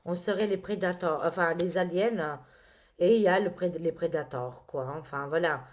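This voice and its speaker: A woman's voice: on the low side, moderate pace. A woman reading tarot cards to her viewers, talking casually and dramatically with many exclamations and fillers. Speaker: tarot reader.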